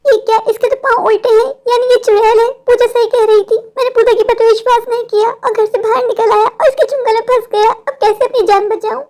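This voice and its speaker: A woman voicing a lecherous, cowardly married man in an animated horror story, muttering asides to himself. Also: very high-pitched, fast talker, few pauses. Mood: frightened.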